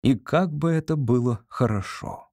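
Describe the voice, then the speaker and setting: A man reads a classic story aloud in a measured, expressive way. His voice sits at an ordinary middle pitch. The recording is close and dry, with no room sound. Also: no echo. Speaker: audiobook reader. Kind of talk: scripted literary narration.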